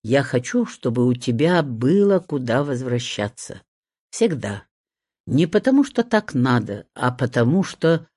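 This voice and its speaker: A reader voicing an earnest young man who speaks quietly and haltingly. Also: medium pitch, very animated, slightly rough, no echo, clean studio sound. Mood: tender.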